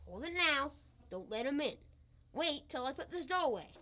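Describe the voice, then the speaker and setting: A woman's voice: high voice, very animated, background noise. A girl playing a blustering boastful husband. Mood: scheming. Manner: loud, exclamatory, quick to boast and bicker. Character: blustering boastful husband, excitable get-rich schemer. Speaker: school radio play actor. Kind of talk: old-time radio comedy acting.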